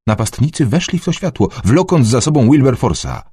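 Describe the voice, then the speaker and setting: A man narrating an adventure novel in a dramatic, expressive storytelling manner. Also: medium pitch, brisk, slightly rough, dry recording, clean studio sound. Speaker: audiobook narrator.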